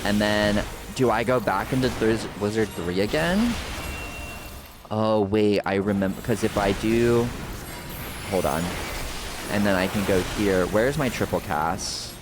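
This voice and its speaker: A man's voice: lowish voice, unhurried, background noise. A man doing casual, playful game commentary, thinking aloud and swearing now and then as a streamer. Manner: playful, self-talking, sweary.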